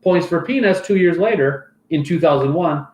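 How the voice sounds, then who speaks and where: A man's voice: fairly high pitch, moderate pace, darkish tone. A man acting as a fantasy football league commissioner, reading stats and mock sponsor plugs in casual banter. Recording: roomy echoey room.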